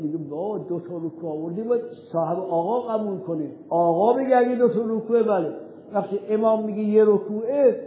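High-voiced man teaching, tinny echoey audio. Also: slight background noise. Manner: asks and answers his own questions; recites Arabic phrases slowly. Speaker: religious teacher. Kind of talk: jurisprudence lesson.

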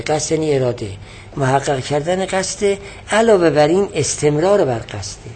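A man's voice: fairly high pitch, a little mellow, a little hiss or hum. A man lecturing on a religious text, patiently explaining word meanings and repeating key definitions. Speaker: teacher of religious texts.

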